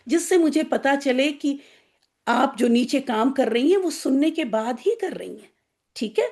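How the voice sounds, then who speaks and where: A woman's voice: high voice, a little mellow. A woman teaching an online Arabic grammar class to women students, explaining patiently and giving firm reminders.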